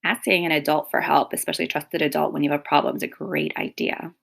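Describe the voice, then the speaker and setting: A woman reads a children's picture book aloud with expression, stopping now and then to comment and explain things to her young listeners. Her voice is low, steady, gravelly, and slightly bright.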